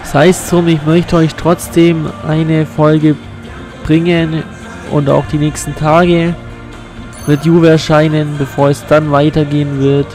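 A gaming YouTuber with a cold and a stuffy nose commentates on a football video game while playing, recorded at home on a USB condenser mic. His voice is fairly high and a little mellow.

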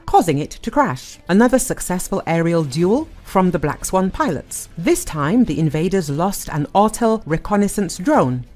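Female news narrator, formal scripted read, mid pitch, studio voice-over. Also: darkish tone.

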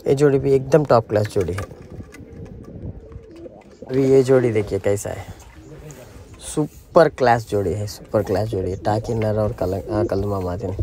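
Man, casual vlog voice, mid pitch, explaining to guests at an outdoor loft, cooing pigeons and noise behind. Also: vocal fry, warm tone. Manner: chatty, explaining to visitors. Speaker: pigeon breeder showing his loft.

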